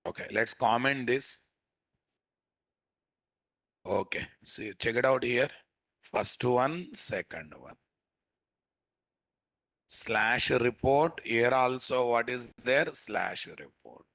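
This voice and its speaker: A man's voice: medium pitch, expressive, takes it slowly, pauses often, a bit bright. A man with a Telugu accent teaching a live programming lesson as an instructor, repeating phrases and often checking with his listeners through questions. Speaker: software instructor.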